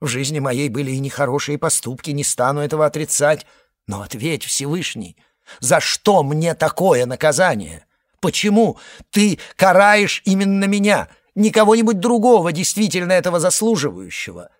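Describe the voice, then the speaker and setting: Male reader as a frantic alien egg, high and wailing, begging for mercy. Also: lively intonation, moderate pace, no echo, studio quality, natural voice. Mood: pleading prayer. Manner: wailing, pleading, breaking into shouts. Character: panicky alien egg creature, male, a family man, hysterical and pleading.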